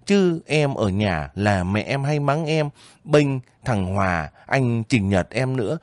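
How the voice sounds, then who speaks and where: A man voicing a lively, homesick young girl soldier who talks eagerly and breaks down in tears, in an audiobook reading. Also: medium pitch, slow, no room sound. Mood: chatty. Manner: chatty, emotional, breaks into crying.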